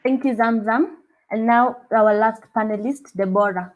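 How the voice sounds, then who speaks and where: A woman moderating a webinar panel on a video call, polite and steady. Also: fairly high pitch, moderate pace, phone-quality sound.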